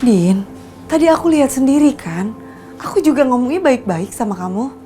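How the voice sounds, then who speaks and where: An actress playing a patient young wife, earnest and defensive when accused. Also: female voice, high voice, lively intonation, moderate pace, mellow, faint music behind. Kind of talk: TV soap acting.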